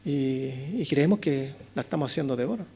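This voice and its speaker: A man's voice: medium pitch, brisk, husky. A male pastor with a Chilean accent preaching an expository sermon, asking rhetorical questions and often adding "¿no es cierto?". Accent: Chilean Spanish. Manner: rhetorical questions, frequent "¿no es cierto?", swings between loud and hushed. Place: church chapel.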